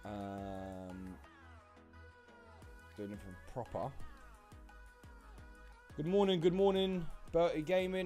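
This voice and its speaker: A man's voice: mid-range voice, darkish tone. Chatty man on a livestream. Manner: chatty, filler-heavy, greets viewers. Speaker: trading livestream host. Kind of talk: casual livestream chat. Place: home desk setup. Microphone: desk microphone.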